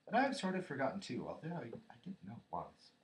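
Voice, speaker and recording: A man voicing a brisk, self-assured rabbit who talks emphatically in a storybook reading. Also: medium pitch, huge pitch swings, echoey room, background noise, pitched above the performer's own voice. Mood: emphatic musing.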